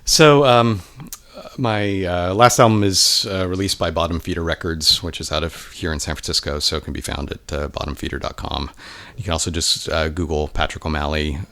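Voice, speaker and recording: A man, a musician guest in a casual interview, talking in a relaxed, rambling way with self-deprecating humor. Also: sits low, moderate pace. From California, United States.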